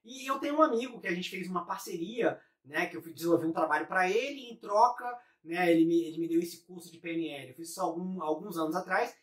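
A Brazilian man with a Brazilian Portuguese accent gives a casual online lesson as a business coach, talking fast in a high voice with hardly any pauses. He's chatty and ends most phrases with a tag question; the sound is roomy, with the mic at a distance.

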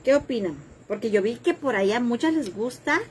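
Lady doing a live craft class, kinda high voice, chatty and jokey, bit of room noise. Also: expressive, fairly quick. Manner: chatty and self-deprecating, reads viewer comments while working. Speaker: craft tutorial host. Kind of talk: casual live craft tutorial, chatting with viewers.

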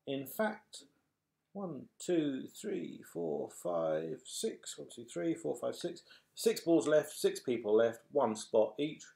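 Acting as a bingo caller for raffle balls, a middle-aged British man announces numbers and names, staying chatty and matey and apologizing to the players. His voice is a little high, gravelly, and warm in tone. The noisy home webcam recording, from a small furnished room indoors, carries clatter.

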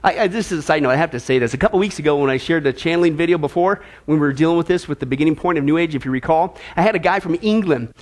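A male pastor preaching a sermon, emphatic and animated, with rhetorical questions and sarcastic asides. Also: a little high, very fast, few pauses. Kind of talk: sermon on prophecy.

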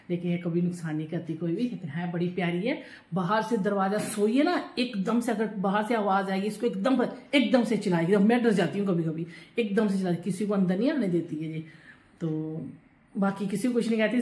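Her voice is medium-pitched and darkish as this middle-aged woman chats casually in a home vlog. She's busy with kitchen chores, rambling across topics and occasionally drifting out of range of the phone.

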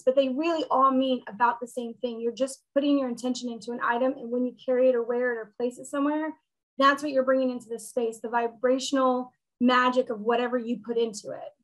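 A woman with a high, light voice teaches a small group over a video call. She explains things in a relaxed, casual way and slips in the odd joke. She is talking from a room at home. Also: rough recording. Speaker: witchcraft teacher hosting a meetup.

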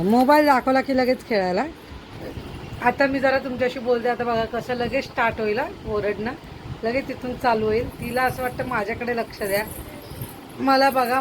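A young woman, chatting casually to her viewers in a home vlog. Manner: chatty, coos to a baby in a high sing-song voice. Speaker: vlogger. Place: home, indoors. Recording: noisy home phone recording.

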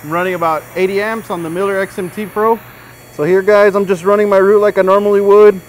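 A man in his thirties giving a relaxed, folksy welding demonstration in a shop, talking the viewer through each step. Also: sits high, quick pace. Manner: relaxed, folksy, frequent "you know". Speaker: welding instructor. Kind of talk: casual demonstration tutorial. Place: large welding shop indoors.

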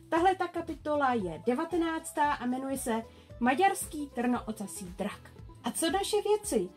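A woman hosting a quiz, reading passages aloud and announcing the answers in a lively, drawn-out way. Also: high voice. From Czech Republic. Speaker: quiz host reading book excerpts.

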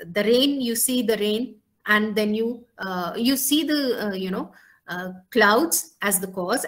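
A woman gives an academic philosophy lecture, pausing often with fillers. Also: mid-range voice, fairly bright tone. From India. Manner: frequent hesitations with "uh" and "you know".

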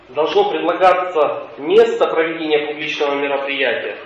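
Male legal representative, formal courtroom delivery, slightly high voice, very reverberant dictaphone recording. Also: fairly bright tone. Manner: formal, legalistic, deliberate phrasing. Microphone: dictaphone far from the speaker. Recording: muffled echoey courtroom dictaphone, distant, faint noise.

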